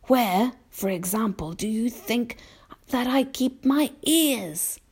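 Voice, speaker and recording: A woman voicing a gentle, courteous old male grasshopper from a storybook, proud and old-fashioned in manner, lecturing without hurry. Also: fairly high pitch, expressive, takes it slowly, breathy edge, voice pushed up, exaggerated voice. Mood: gentle, teasing.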